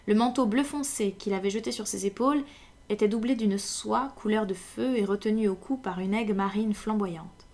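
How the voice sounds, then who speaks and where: A woman reading a classic detective story aloud in French, with measured, attentive narration. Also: mid-range voice, a little mellow. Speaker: audiobook reader.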